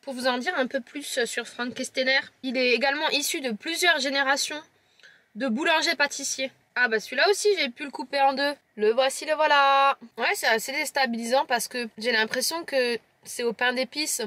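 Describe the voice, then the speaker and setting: Speaking to camera in a casual tasting vlog, a woman with a Lorraine French accent tries chocolates and describes them, chatty and teasing her viewers in fun. Her high-pitched voice is pushed and bright, her pace moderate, with no room sound.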